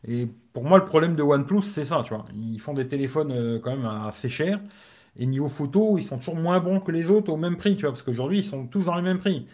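A man's voice: fairly high pitch, expressive, a little fast, a little mellow. A man hosting a casual live stream as a tech reviewer. He talks in slangy, rambling French and keeps adding "tu vois".

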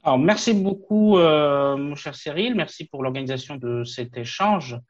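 A man in his late thirties from Afghanistan, a guest in a conversational interview, talking haltingly with many fillers and restarts. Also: fairly high pitch, expressive, dull audio. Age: late 30s.

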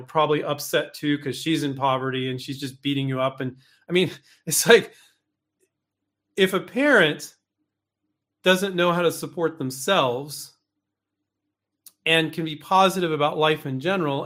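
A man's voice: fairly high pitch, a bit bright. A man coaching inventors in a casual, frank talk, speaking bluntly with mild swearing and many restarts and asides.

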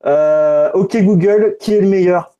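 A man's voice: sits high, measured pace, mellow, dull audio. A man hosting a casual live unboxing stream, loose and joking, swearing casually. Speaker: tech streamer.

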